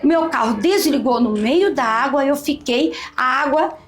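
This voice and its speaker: Lady teacher, high voice, emotional story, keeps repeating herself. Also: expressive, normal speed, faint music behind. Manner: emotional, repetitive, often addresses the host by name. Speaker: teacher, interview guest. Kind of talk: heartfelt personal storytelling.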